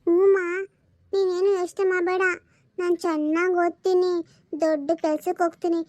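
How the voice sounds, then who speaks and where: A woman plays a small, earnest daughter who is recovering from a fever, with a very high and flat voice that keeps asking and pleading. This is a homemade family drama recorded dry and close. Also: brisk, no room sound. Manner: pleading and questioning. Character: little daughter, sick, caring and earnest.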